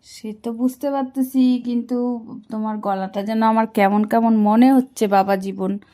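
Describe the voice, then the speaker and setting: A woman's voice: a little high, steady tone, moderate pace, dark tone, close to an everyday voice. A woman playing a lonely, prying mother-in-law in a scripted comic phone skit, drawling and reproachful. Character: lonely complaining mother-in-law, middle-aged.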